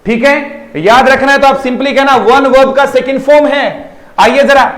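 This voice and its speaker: A man's voice: very high-pitched, steady tone, measured pace, fairly bright tone, reverberant, poor audio. A man teaching an online English class, speaking emphatically, repeating words to drill pronunciation, and checking in with students as he goes. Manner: addresses students fondly and asks checking questions.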